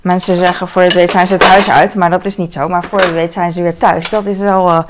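A woman's voice: on the low side, level tone, a little fast, very noisy. A middle-aged woman chatting casually in her home kitchen, rambling with many fillers. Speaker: vlogger. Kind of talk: casual vlog chat. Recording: clattering dishes nearby. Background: clinking dishes and cutlery.

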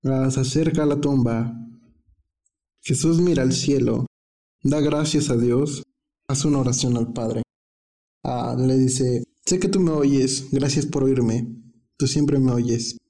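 A man with a Mexican accent talks through a Bible passage in a relaxed, chatty way. His voice is dark and mellow, with slang dropped in as he thinks aloud. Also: mid-range voice, slow pace. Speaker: preacher. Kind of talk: informal Bible teaching.

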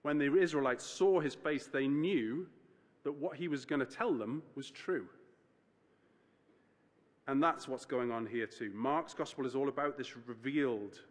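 Conversational male preacher, echoing church. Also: mid-range voice. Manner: conversational, self-correcting, explains scripture plainly. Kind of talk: sermon. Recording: reverberant church hall.

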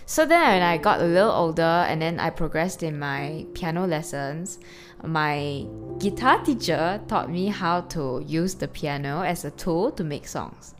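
A woman in her early 20s hosts a podcast with a casual personal monologue, speaking in a low voice with lively intonation and no hurry. She rambles chattily, full of fillers and restarts, over clearly audible background music.

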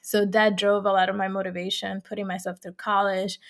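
A young woman from the Dominican Republic, speaking as an interview guest. She talks in a loose, conversational way, full of little fillers. Her voice sits at an ordinary middle pitch. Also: level tone, brisk, vocal fry. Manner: chatty, frequent fillers, laughs often. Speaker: guest, company co-founder. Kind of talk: casual interview chat.

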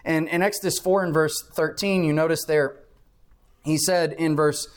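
Higher-voiced man preaching a Bible lesson. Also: steady tone, normal speed. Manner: emphatic, repeats key phrases for stress. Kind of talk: Bible class sermon.

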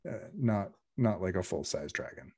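A man working as game master, casually narrating a tabletop game in a halting, thinking-aloud way. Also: low-pitched, expressive, a little mellow, slightly rough, no room sound.

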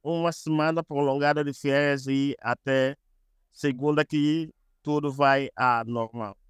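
A man chatting as a podcast guest, explaining things deliberately and repeating phrases. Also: medium pitch, fairly even intonation, clear, resonant tone, dry recording, clean studio sound. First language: Portuguese. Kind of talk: casual explanatory chat.

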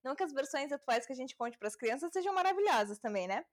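A woman's voice: sits high, lively intonation, quick pace. A woman hosting a homemade podcast from home late at night, reading fairy tales and commenting on them in a casual, irreverent way, swearing often and laughing at herself. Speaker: podcast host. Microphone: home mic.

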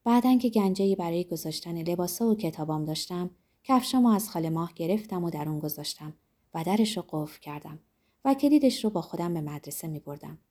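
A woman reading a first-person story aloud in a calm, subdued way. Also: on the low side. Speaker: narrator.

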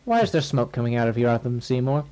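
A man voicing a stern, skeptical older male cartoon superintendent with a clipped, gruff delivery. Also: medium pitch, very animated, fast talker, a little mellow, close to an everyday voice. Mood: suspicious. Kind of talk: recited cartoon impression.

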